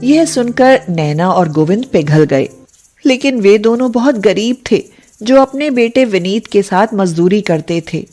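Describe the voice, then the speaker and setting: A woman narrating a scripted cartoon story in a steady, plain manner. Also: medium pitch, measured pace, soft background music.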